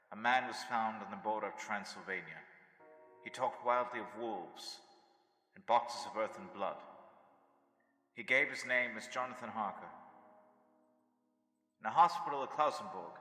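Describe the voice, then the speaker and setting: A man playing an earnest doctor in an old-time radio drama, speaking in a measured, formal, grim way. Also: on the low side, sharp tone. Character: earnest male doctor narrating his grim personal records. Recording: echoey hall with long reverb.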